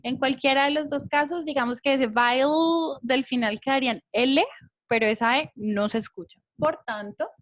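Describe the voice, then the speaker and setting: High-voiced woman teaching English. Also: moderate pace, fairly bright tone. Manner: patient, checks in with "¿listo?". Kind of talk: online class explaining syllable counting.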